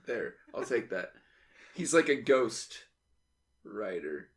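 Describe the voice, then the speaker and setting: A man's voice: medium pitch, big pitch swings, slow. A man hosting a casual movie review podcast, joking, swearing freely and laughing often. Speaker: podcast host.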